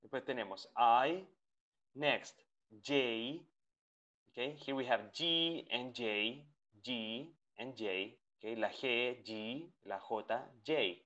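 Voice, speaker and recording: Male teacher, online class, slow and patient, muffled lo-fi call audio. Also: mid-range voice, a bit bright. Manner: patient, repeats each sound, checks in with "¿ok?". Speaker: English teacher. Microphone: video call.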